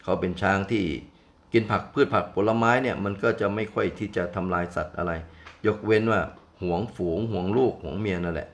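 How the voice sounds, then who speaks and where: An older male storyteller with a fairly low voice tells a folk fable. He talks in a homely, digressive way and keeps stopping to explain and comment. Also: brisk, creaky. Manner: folksy and digressive, explaining as he goes. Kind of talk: folk tale narration with asides.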